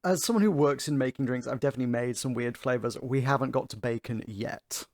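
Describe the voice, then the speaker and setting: A man's voice: mid-range voice, fast talker, a little mellow, no echo. A man in casual podcast chat, dropping dry, wry remarks.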